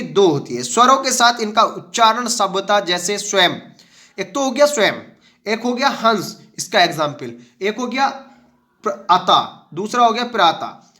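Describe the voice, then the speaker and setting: A man's voice: high voice, bright, forceful tone. A male teacher giving an exam-prep lesson, asking the class questions and answering them himself. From India.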